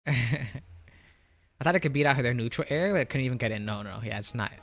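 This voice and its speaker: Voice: mid-range voice, expressive, normal speed, fairly bright tone, dry recording. A streamer talking through a voice changer filter that makes the voice sound male, patiently explaining game tactics in casual chat and checking in with "right?". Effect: voice changer filter, output sounding male.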